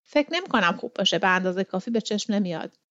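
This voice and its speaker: A woman voicing a tall, lanky, freckled male workman in a storybook reading, talking in a relaxed, casual, friendly way. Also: mid-range voice, no echo, dull audio, natural voice. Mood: easygoing.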